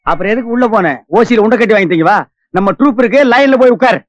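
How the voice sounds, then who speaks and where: An actor playing a sharp-tongued man who mocks beggars in an old film comedy scene, scolding and sarcastic. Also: sits high, animated, rapid-fire, highs cut off. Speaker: comic actor.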